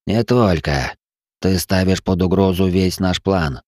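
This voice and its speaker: A man's voice: deep voice, measured pace, darkish tone, no room sound. Male reader as a curt, ruthless possessed man, cold delivery, dry close sound. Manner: icy, curt and scornful.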